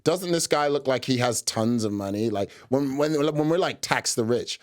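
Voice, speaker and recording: A man's voice: medium pitch, lively intonation, moderate pace. A man hosting a casual reaction commentary, rambling, sarcastic and profane. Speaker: commentary host.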